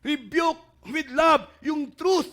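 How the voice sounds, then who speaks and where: A man's voice: very high voice, fairly even intonation, slow pace, fairly bright tone. A male pastor preaching a sermon, mixing Tagalog and English and often asking the congregation questions. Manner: switches between Tagalog and English, quizzing the congregation.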